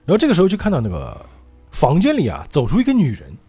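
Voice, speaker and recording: A man's voice: a little high, fast talker, breathy edge, faint music behind. A man hosting a casual podcast, retelling a comic story with laughs and acted-out quotes. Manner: animated, laughs often, acts out the quotes. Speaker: podcast host.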